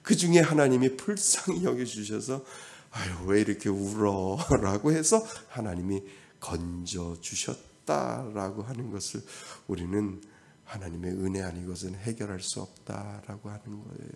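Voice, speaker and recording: A man's voice: on the low side, creaky, darkish tone. A male pastor preaching a sermon, asking the congregation questions and acting out God's words in quoted dialogue.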